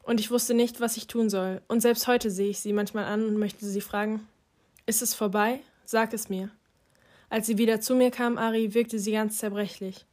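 A woman voicing a grave, weary middle-aged father in an audiobook, subdued and halting. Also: fairly high pitch, flat delivery, a little mellow, close to an everyday voice. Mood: somber.

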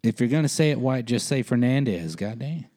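A man's voice: medium pitch, a little fast, darkish tone. A man co-hosting a podcast in casual chat, laid-back, with many fillers and casual swearing. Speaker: podcast co-host.

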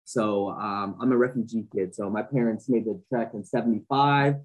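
A fashion entrepreneur in his forties, raised in Southern California, chats loosely as a podcast guest in a casual interview, rambling with many fillers and restarts. His voice is fairly low with fairly even intonation at a moderate pace, on a low-quality recording.

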